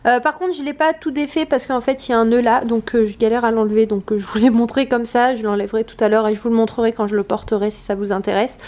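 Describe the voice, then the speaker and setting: A woman's voice: on the high side, steady tone, quick pace, few pauses, darkish tone. A young adult woman, a student vlogger, chatting casually at home, hesitant and full of fillers. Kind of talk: casual chat to camera.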